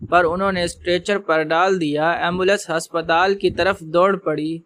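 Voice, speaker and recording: A man narrating an emotional story in a steady storytelling manner. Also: high voice.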